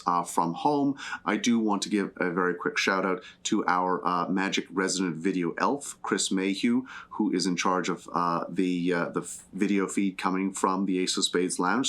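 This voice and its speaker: A man's voice: deep voice, fairly bright tone. A man hosting a magic show, introducing acts and giving thanks in a courteous, somewhat hesitant way. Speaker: show host.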